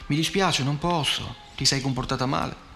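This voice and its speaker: A man doing a calm, patient young mother. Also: fairly high pitch, normal speed, gravelly, a little hiss or hum. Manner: calm, even, unbothered.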